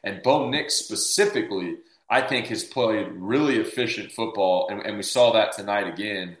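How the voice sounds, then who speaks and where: A man's voice: lowish voice, moderate pace. A man giving casual sports analysis as a panelist, posing questions and answering them himself. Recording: echoey room sound.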